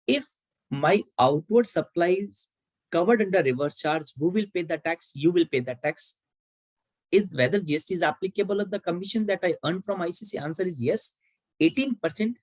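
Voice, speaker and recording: A man's voice: fairly high pitch, breathy edge, no room sound, low-quality recording. A man with an Indian English accent giving an online tax lecture, asking and answering his own questions and repeating key points. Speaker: tax educator.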